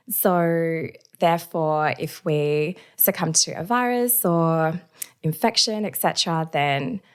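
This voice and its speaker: A woman with a low voice, raspy and hoarse after a recent illness, chats reflectively as a podcast guest in a casual interview, sprinkling in plenty of soft fillers.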